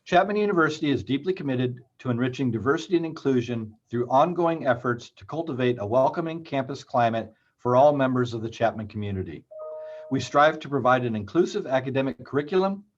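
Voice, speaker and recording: Man reading a measured presentation. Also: medium pitch. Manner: measured, read-aloud delivery. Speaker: university library dean, presenter. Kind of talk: scripted conference presentation. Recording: slightly muffled lo-fi recording.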